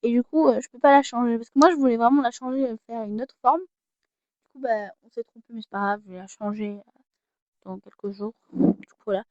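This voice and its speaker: A woman's voice: fairly high pitch, steady tone, a little fast, a little mellow, no room sound, dull audio. A teenage girl chatting casually as she shows off her gifts, self-mocking and easily distracted. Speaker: vlogger. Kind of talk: casual haul vlog.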